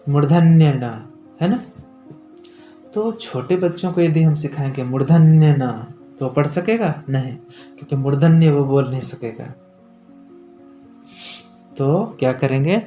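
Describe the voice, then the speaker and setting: A man teaching letter sounds slowly and clearly, stretching syllables and often checking that viewers follow. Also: mid-range voice, mellow, lo-fi sound. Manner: slow, drawn-out syllables, frequent check-ins with the viewer. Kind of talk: pronunciation lesson for children.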